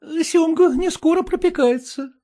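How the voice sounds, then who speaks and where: A man's voice: very high voice, a little slow, dark tone, voice pushed up. A man voicing a young wife who is flustered and apologetic while serving pancakes to quarrelling relatives.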